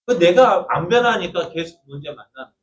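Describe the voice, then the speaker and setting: A man's voice: high voice, lively intonation, fast, muffled recording. Korean pastor preaching, questioning his flock. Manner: asks the congregation questions and answers them himself. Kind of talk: sermon. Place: church sanctuary. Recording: distant mic with faint room noise.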